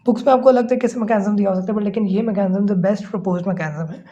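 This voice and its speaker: A man's voice: high-pitched, fairly even intonation, fast, warm tone. Male chemistry teacher, lecture style, step-by-step explaining, frequent check-ins, slightly dull lo-fi sound. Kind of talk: classroom lecture. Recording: slightly muffled lo-fi recording.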